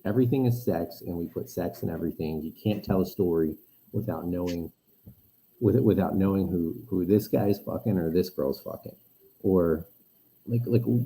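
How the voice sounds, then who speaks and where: Muffled, deep man on a call. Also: warm tone, slight background noise. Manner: blunt, argumentative, swears freely. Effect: muffled microphone, as if talking into a closet or through a wall. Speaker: podcast co-host. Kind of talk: casual podcast chat. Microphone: remote call-in microphone.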